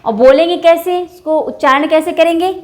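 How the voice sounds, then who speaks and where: A woman's voice: very high voice, moderate pace. A woman teacher giving a Hindi alphabet lesson, patiently drawing out each sound and answering her own questions. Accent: Indian Hindi speaker. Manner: asks the class questions and answers them herself.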